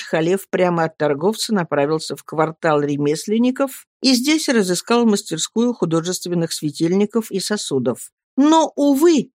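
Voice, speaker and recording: A female audiobook narrator with a voice on the low side reads a historical novel in an even, storytelling manner. The scripted narration has clean studio sound with no room sound.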